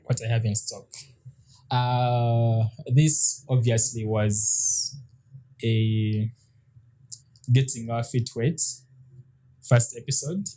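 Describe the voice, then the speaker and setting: Hesitant thirty-something man, very dark voice. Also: mid-range voice, fairly even intonation, drawn-out words, long pauses. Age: 30s. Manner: hesitant, with frequent restarts and soft laughs. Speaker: podcast co-host. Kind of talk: casual chat.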